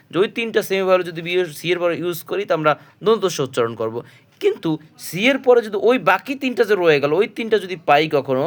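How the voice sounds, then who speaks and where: In this spoken pronunciation lesson, an English teacher with a Bangladeshi Bengali accent speaks a bit high and bright. He repeats patiently and spells words out letter by letter, then poses a question to the class that he answers himself.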